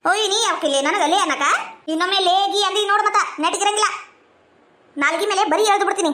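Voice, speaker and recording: A woman's voice: extremely high pitch, quick pace, a bit bright, a little hiss or hum. A woman with a North Karnataka Kannada accent, performing a village comedy sketch in a bragging, quarrelsome manner. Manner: bragging, quarrelsome, playing several village women.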